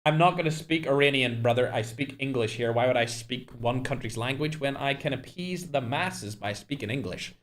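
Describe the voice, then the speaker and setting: A young man hosts and casts a mobile game tournament on a live stream, chatting directly to his viewers with animated bursts. He speaks at medium pitch and normal speed with few pauses, in live esports commentary style.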